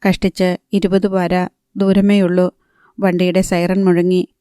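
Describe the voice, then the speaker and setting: A woman narrating a novel in a measured, steady reading. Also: on the low side, clean tone, dry recording, studio quality. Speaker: audiobook narrator. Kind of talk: scripted narration.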